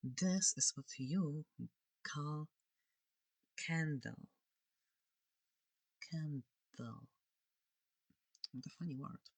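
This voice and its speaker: A soft-spoken ASMR performer of unclear sex plays a curious, gentle alien examiner, halting and clinical yet reassuring, breathy and often whispering close to the mic. The mid-range voice is captured on a close, dry microphone in a rough recording with no room sound.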